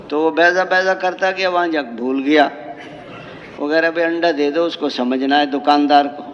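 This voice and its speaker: A man's voice: high-pitched, fairly bright tone, a little hiss or hum. A man with a Pakistani Urdu accent preaching a sermon at a large mosque gathering, telling parables and stacking emphatic lists. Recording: lo-fi hall recording with long reverb.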